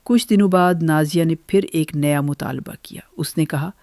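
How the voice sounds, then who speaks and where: An older woman telling her own family story in the first person, in a measured, gentle way. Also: low-pitched, dry recording, studio quality.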